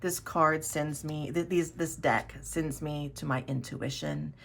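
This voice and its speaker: Woman chatting slow and a bit low, gravelly voice, rambly and excited about her stuff. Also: slight background noise. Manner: rambling, self-correcting, enthusiastic. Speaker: tarot video host. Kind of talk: casual chat to camera.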